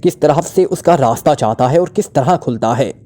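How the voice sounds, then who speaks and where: A man's voice: mid-range voice, expressive, moderate pace, mellow, natural voice. A man voicing King, a cold and ruthless male killer who speaks in an icy, menacing tone. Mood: icy menace.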